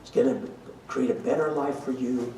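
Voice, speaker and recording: A man's voice: mid-range voice, steady tone, moderate pace, darkish tone, slight background noise. An older man giving a storytelling lecture with folksy, self-mocking humor. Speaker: professor giving a talk. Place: lecture hall. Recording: roomy hall, speaker distant from mic.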